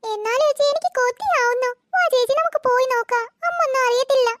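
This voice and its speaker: A performer voicing a cheeky, greedy little girl in a cartoon, whiny and wheedling. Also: fast. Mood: scheming. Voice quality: very high-pitched. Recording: loud background hiss.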